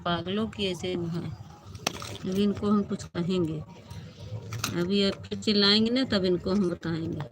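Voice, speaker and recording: Woman, exasperated live-stream host, noisy phone audio. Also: mid-range voice. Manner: exasperated, complaining, repeats herself. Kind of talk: casual live-stream chat to viewers.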